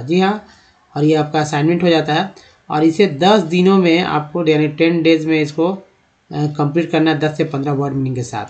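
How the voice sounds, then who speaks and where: Male teacher with a fairly high voice, patient step-by-step explainer, muffled lo-fi audio. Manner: repeats questions and answers them himself, addresses viewers as friends. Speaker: English teacher. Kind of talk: explanatory lesson. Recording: dull lo-fi sound.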